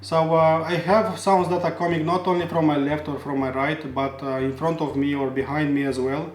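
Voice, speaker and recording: Male gear reviewer, slightly higher voice, earnest explainer, echoey room. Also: little pitch movement, normal speed. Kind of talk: product review narration. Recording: roomy echo.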